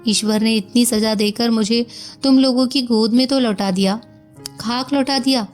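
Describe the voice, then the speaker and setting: Brief: woman reading a frail dying wife, gentle, resigned, higher voice. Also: fairly even intonation, normal speed, faint music behind, lightly acted. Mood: weary, resigned. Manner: soft, weary, resigned.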